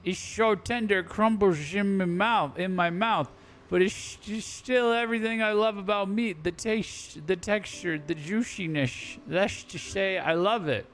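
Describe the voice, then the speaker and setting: A man's voice: sits high, unhurried, fairly bright tone, a little hiss or hum, voice pushed up. A man voicing a grateful, toothless old retired pirate, speaking with a wavering, savoring delivery. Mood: delighted.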